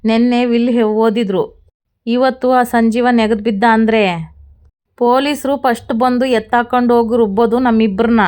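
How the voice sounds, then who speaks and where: A woman's voice: a little high, steady tone, normal speed, a little mellow, natural voice. A woman reading the lines of a mocking, scheming young man from a TV serial in a plain recap voice. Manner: read out plainly in a retelling.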